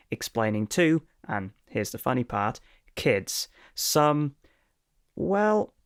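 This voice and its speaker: A man narrates a scripted anime review at an ordinary middle pitch. His delivery is dry, with a light sarcastic edge.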